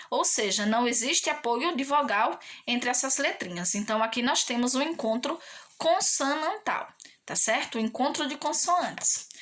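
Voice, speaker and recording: A woman from Brazil teaching young children in a recorded online lesson, patient and sing-song, often checking in with tag questions and stretching key words slowly. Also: a little high, bright, forceful tone. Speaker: primary school teacher.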